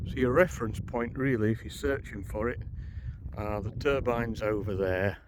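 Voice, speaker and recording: A man's voice: on the low side, moderate pace. A middle-aged man, chatting as he walks and guides viewers along a hike, laughing easily and stopping to tell the history. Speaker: hiking vlogger and guide. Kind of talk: casual walking commentary with narrated history. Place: outdoors on a windy open moor. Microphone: camera mic carried while walking. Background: wind and backing music.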